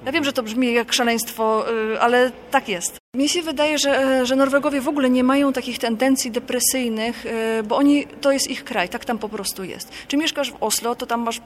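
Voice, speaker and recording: A woman's voice: fairly high pitch, slight background noise. Thoughtful woman author from Poland. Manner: thoughtful, explanatory, unhurried. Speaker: guest author. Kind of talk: interview answers.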